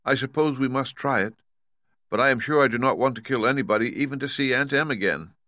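A man's voice: mid-range voice, quick pace, bright, forceful tone, no room sound, pitched above the performer's own voice, close to an everyday voice. A man voicing a sad but determined young girl in a storybook, with a lifted, plaintive, earnest tone. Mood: hesitant, earnest.

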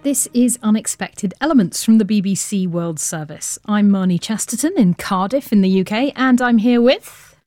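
A woman's voice: medium pitch, animated, moderate pace, few pauses, dark tone. A woman presenting a radio science show in an informal, playful, chatty way.

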